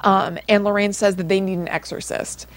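A podcast co-host, she has a medium-pitched, steady voice and moderate pace. Her storytelling is casual and full of informal filler, with frequent uses of "like" and "kind of."

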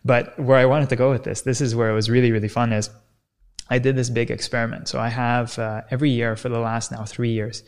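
A man appears as a kinesiologist guest on a podcast, explaining things in an energetic, teacherly way and frequently checking in with "right?" His medium-pitched voice is smooth and a little fast.

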